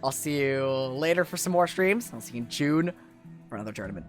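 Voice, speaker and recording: On an esports livestream, a tournament host and streamer caster chats casually with viewers and thanks them warmly. After two days of talking, his medium-pitched voice is wearing out and going hoarse. He speaks briskly and expressively over soft background music.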